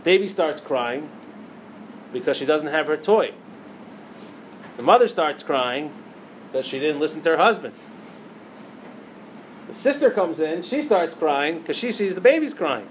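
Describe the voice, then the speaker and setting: A man with a high-pitched voice teaches a Torah lesson, weaving Hebrew terms into plain English. He tells a parable and keeps asking his listeners questions. A faint hum sits under the recording. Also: lively intonation, measured pace, long pauses, poor audio. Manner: storytelling with rhetorical questions, many Hebrew terms. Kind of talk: teaching a lesson on liturgical poems.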